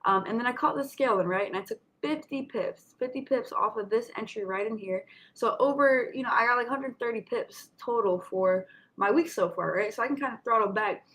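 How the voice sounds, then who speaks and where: A woman's voice: a little high, a little fast, fairly bright tone. Woman trading coach with slight retainer lisp. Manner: instructive, addressing listeners directly, checking with "right?". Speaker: trading coach hosting a market session. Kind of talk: informal live chart commentary for students.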